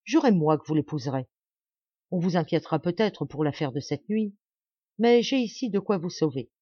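A woman's voice: lowish voice, animated, normal speed, warm tone, no echo, highs cut off. A woman reading the part of a brave, grim young male peasant fighter who pleads solemnly and urgently.

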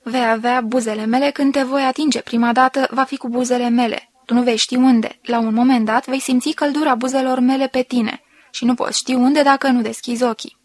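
A woman voicing a sensual woman who slowly and softly reads out an intimate love letter. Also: a little high, fairly even intonation, no room sound, lightly acted. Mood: intimate, tender. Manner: slow, soft, intimate reading.

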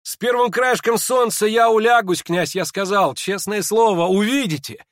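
A man puts on a sick young man in a feverish, hysterical fit, his voice jumping high and sharp. He talks in a shrill, excited rush, laughing strangely, recorded close and dry like a storybook reading. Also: a little slow, no room sound. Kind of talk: audiobook character reading.

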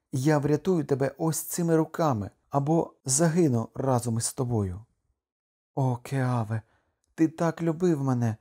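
A man's voice: a little high, mellow, breathy edge, pitched above the performer's own voice. A man reading an audiobook, voicing a loving, desperate young island wife with a raised, pleading delivery.

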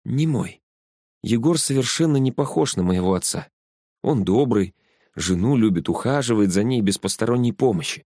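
Little ghost girl read by a man, quiet half-whispered voice, calm and sad, dry close audiobook sound, storybook telling. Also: mid-range voice, moderate pace, dry recording, lightly acted.

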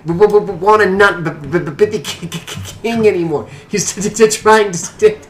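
Man as old father, panicky, heavy stutter, pitched up, roomy sound. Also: fairly quick, slight background noise, close to an everyday voice. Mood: frantic stammer. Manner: frantic stammering, shrill.

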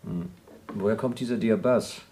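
A man's voice: lowish voice, moderate pace, background noise, close to an everyday voice. A male actor playing a matter-of-fact, wryly pedantic astronaut in radio play dialogue. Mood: dry, wry.

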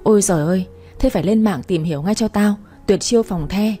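A woman narrator voicing a brash, loud-mouthed young woman who teases and bosses her friend. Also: medium pitch, fairly quick, slightly rough, soft background music, lightly acted. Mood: bossy teasing. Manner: crude, teasing, bossy.

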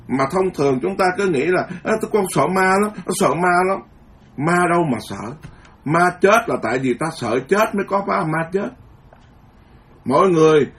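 A man, a Buddhist monk giving a dharma lecture in an emphatic, repetitive way, often restarting his words. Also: fairly high pitch.

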